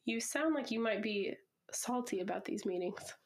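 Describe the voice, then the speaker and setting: A young woman hosts a casual podcast, chatting and laughing often while sounding slightly wheezy after a recent illness. Her mid-range voice is expressive and moderately paced, recorded on headphones and a podcast mic with a little hiss or hum.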